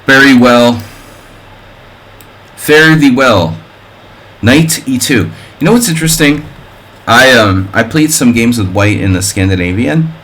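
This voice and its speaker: Here a man with a medium-pitched, fairly bright voice commentates his live-streamed chess simul, naming moves and musing aloud. He speaks a little slowly with long pauses and lively intonation, tossing off wry jokes and wordplay for his viewers.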